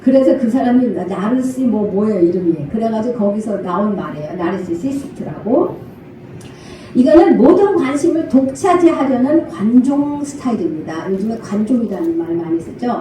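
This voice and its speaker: An older woman pastor preaching a sermon, animated, acting out parent and child voices and laughing often. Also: on the high side, normal speed, background noise. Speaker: senior pastor. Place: church sanctuary. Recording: echoey church hall from far off.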